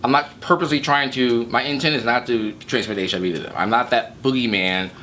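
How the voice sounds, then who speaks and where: A man speaking as a guest in a casual interview, playful and animated, jumping into high exclamations. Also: fairly quick, slight background noise. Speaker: guest from an HIV advocacy group.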